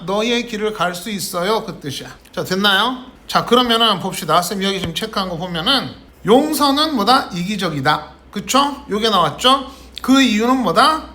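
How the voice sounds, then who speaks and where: A man's voice: high voice, pushed and bright. A man teaching an English reading lesson in Korean, mixing in English phrases and starting sentences with frequent "자" fillers. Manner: explaining and joking with students. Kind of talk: classroom lecture.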